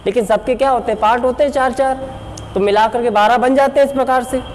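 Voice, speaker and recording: A man's voice: very high-pitched, steady tone, fast. A male English teacher, lecturing a class and asking questions that he answers himself. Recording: echoey classroom with faint background noise.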